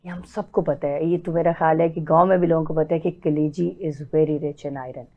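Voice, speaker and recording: A woman's voice: deep voice, steady tone, phone-quality sound. A woman in her forties, a doctor and interview guest, chatting casually and explaining with everyday examples, slipping English words into her talk. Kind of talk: casual chat.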